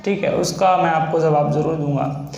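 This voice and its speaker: A man teaches a shorthand lesson, slowly spelling out each sound step by step. His voice sits fairly high, and the room gives it a noticeable echo with faint noise behind. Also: fairly even intonation, creaky, darkish tone, highs cut off. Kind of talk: classroom-style lesson.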